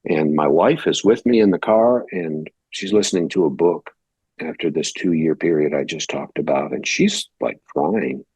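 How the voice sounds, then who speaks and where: This very deep, slightly rough, somewhat mellow male voice belongs to a pastor from Detroit, Michigan, in the United States. At a moderate pace he tells his story in a casual, rambling interview, acting out other people's quoted lines. There's no room sound.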